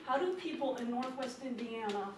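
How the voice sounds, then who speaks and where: A woman teaching a classroom speech lesson on pronunciation, lively and emphatic, repeating her key points. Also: a little high, normal speed. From not from the Chicago area. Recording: echoey classroom, distant mic, background noise.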